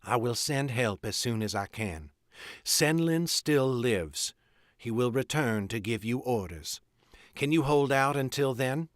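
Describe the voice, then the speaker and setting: A man's voice: mid-range voice, expressive, measured pace, no echo, clean studio sound, lightly acted. A man reading aloud and voicing a fierce young woman warrior, stern and commanding. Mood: grave.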